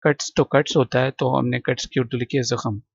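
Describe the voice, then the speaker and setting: A man teaching English vocabulary, reading synonyms in quick runs and checking in with short asides. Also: medium pitch, fairly even intonation, gravelly, breathy edge, dry recording, dull audio. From Pakistan. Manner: reads word lists in quick runs, adds short checks like "theek hai". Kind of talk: vocabulary lesson explaining words line by line.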